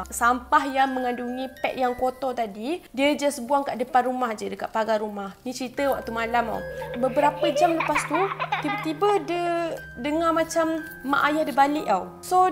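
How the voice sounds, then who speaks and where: A woman with a Malaysian Malay accent, casually telling a ghost story to her viewers with chatty asides. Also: high-pitched. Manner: chatty, addresses viewers directly with frequent asides. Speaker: YouTuber telling ghost stories.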